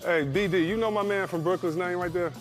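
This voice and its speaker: A man's voice: high-pitched, fairly quick, music in the background. A man hosting a sports talk show, joking and teasing his co-hosts and laughing often. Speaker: studio host. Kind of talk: casual sports chat.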